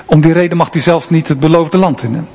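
Male preacher, high voice, conversational and emphatic, long church-hall reverb. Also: fairly even intonation, fast, a little mellow. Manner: conversational, emphatic preaching with frequent rhetorical questions. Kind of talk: sermon.

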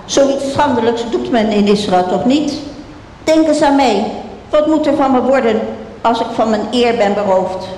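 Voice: normal speed, natural voice. A reader voicing a desperate young king's daughter, pleading in a raised, urgent voice, recorded in a roomy hall. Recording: roomy hall reverb, faint rumble.

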